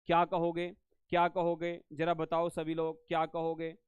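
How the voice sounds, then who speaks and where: A man teaches a live online exam-prep lesson in a high, smooth, resonant voice. He repeats key phrases and keeps quizzing his students, asking whether they understood. The sound is dry and close, with no room echo. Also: monotone, measured pace, phone-quality sound. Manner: addresses students as beta, asks if they understand.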